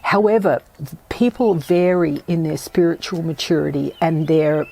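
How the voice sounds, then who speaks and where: A woman hosting a reflective solo podcast, her voice croaky as she recovers from a virus, speaking in a measured, thoughtful way. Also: low-pitched, warm tone, no room sound. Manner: measured, thoughtful, with pauses and restarts. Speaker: podcast host.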